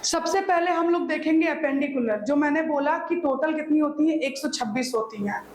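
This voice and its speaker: Woman teacher with a Hindi accent, high-pitched, repeats and checks understanding, recorded in an echoey classroom with faint ambience. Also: moderate pace, darkish tone, a little hiss or hum. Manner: points to own body while explaining. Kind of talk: classroom lecture on the skeleton.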